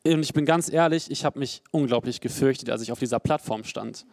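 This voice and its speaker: A young adult man preaching a sermon in an earnest, personal way, rising to emphatic peaks and dropping to quiet, low passages. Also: brisk, no room sound, studio quality.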